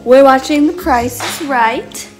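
Brief: teen girl vlogger, high bright voice, chatty and upbeat, music under her. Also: a little slow, rough recording. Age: teens. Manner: chatty, upbeat, says "like" a lot. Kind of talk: casual vlog narration. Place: camper and car, indoors.

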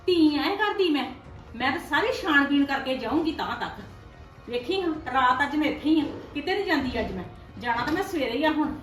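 A woman playing a sharp-tongued married sister visiting her brother's home, complaining and scolding, in a scripted family drama. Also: high voice, recorded from a distance. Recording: echoey room from off-mic.

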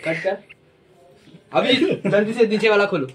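A man's voice: high-pitched, measured pace. A young man, casually directing friends through a comedy sketch shoot. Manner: bossy, instructing friends, acting out lines. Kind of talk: casual behind-the-scenes chat.

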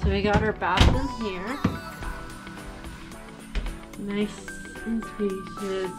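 A chatty young woman talks into a handheld camera at arm's length, excitable and full of "like". Her pitch sits in the middle, and clear background music runs underneath. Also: extremely slow. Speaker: travel vlogger. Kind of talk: casual vlog chat to camera. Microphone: handheld action camera at arm's length.

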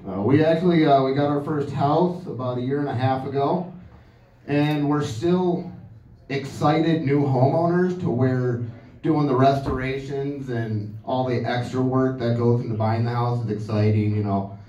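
A man's voice: mid-range voice, steady tone, a little slow, dark tone, distant mic. Stand-up comic, thirties, male, lisp, dry self-mocking delivery, dull echoey room. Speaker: stand-up comedian. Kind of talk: stand-up comedy set. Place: comedy club stage. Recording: dull, roomy club recording from afar.

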